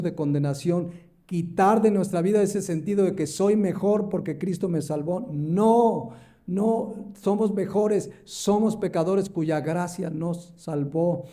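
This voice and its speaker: Male pastor, high warm voice, emphatic sermon delivery acting out quotes. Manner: emphatic, rising and falling for stress; acts out quoted voices in the parable.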